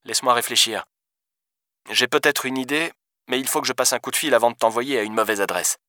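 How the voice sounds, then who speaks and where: A man voicing a hurried male police deputy who talks in a rushed, hesitant way. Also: medium pitch, pushed and bright, dry recording, clean studio sound, pitched above the performer's own voice.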